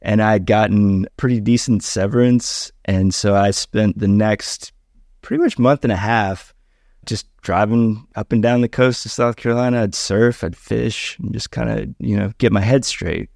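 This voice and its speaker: Gravelly-voiced man telling a personal story. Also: fairly low pitch, moderate pace, a little mellow, dry recording, clean studio sound. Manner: conversational, acts out quoted voices. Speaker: podcast guest. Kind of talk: casual storytelling.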